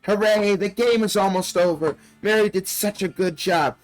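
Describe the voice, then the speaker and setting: A man's voice: sits high, normal speed, faint music behind, voice pushed up, natural voice, poor audio. A man voicing a creepy talking porcelain doll, a sweet childlike little girl, while reading game dialogue aloud. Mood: sweet, eager.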